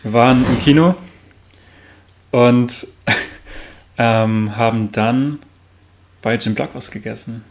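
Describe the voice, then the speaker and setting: A young man in casual chat with an old school friend, relaxed and talkative, asking many questions. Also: medium pitch, slow, long pauses, a little hiss or hum.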